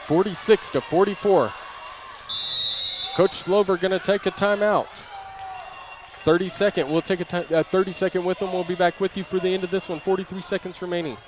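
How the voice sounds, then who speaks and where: In a high-pitched, steady, fairly quick voice, a man announces live basketball play-by-play from a loud gym, where the crowd and the dribbling ball can be heard.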